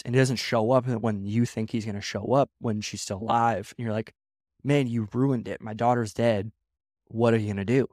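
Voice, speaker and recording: A man's voice: fairly low pitch, darkish tone, no echo, clean studio sound. A man speaking as a pastor, giving a casual sermon-style talk on leadership, repeating phrases and acting out quoted voices.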